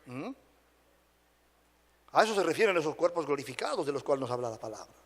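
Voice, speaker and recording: Speaking quickly in a voice on the high side, this Dominican Spanish-accented pastor delivers a lively sermon to his congregation. The church sanctuary gives a long hall reverb, and he often slips in quick questions such as "right?".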